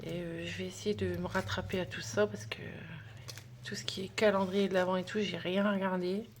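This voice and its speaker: A woman chatting casually through an unboxing for a budgeting vlog, gushing over small items with many fillers and sometimes dropping to a soft whisper. She sounds tired. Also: fairly low pitch, level tone, normal speed, slight background noise. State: tired, trembling hands. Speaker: budgeting vlogger.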